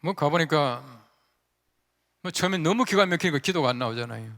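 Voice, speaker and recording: A man's voice: a little high, a little fast. A male pastor telling a story in a conversational sermon and leading his congregation in call-and-response. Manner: conversational, animated storyteller who acts out quoted voices. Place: large church sanctuary. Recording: reverberant church sanctuary.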